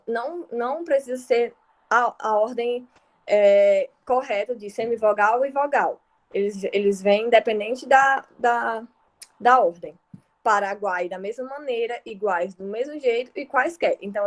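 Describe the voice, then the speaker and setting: A young Brazilian woman teaching an online grammar lesson, explaining patiently with examples and checking that students follow. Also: on the high side. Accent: Brazilian Portuguese.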